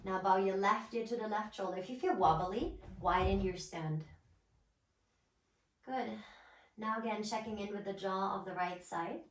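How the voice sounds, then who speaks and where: A woman guiding a yoga class as instructor, with a gentle, nurturing and encouraging manner. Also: mid-range voice. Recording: roomy echo, distant microphone.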